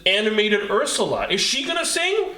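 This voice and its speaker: A man co-hosting a casual film chat, with a bright, fairly high voice that swings up and down. He laughs often and talks in bursts. The room gives his voice a noticeable echo. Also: normal speed. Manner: animated, laughs often, trails off and restarts. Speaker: podcast co-host.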